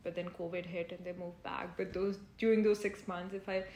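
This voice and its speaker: This young Pakistani interviewee, in her twenties, keeps things casual with lots of fillers and ready laughs, her lowish, mellow voice level in tone and a little quick. Faint ambient noise and echo fill the room.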